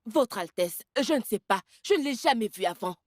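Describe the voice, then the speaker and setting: A venomous, haughty queen, voiced by a woman in a French film dub. She speaks with a fairly high voice and cold disdain. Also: lively intonation, moderate pace, dry recording, clean studio sound, lightly acted. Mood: furious. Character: haughty vengeful queen, middle-aged wife.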